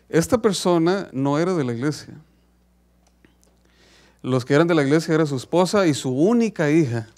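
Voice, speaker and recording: Dramatic storytelling male preacher. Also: a little high. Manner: dramatic, swinging between loud and hushed. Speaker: pastor. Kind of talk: sermon storytelling.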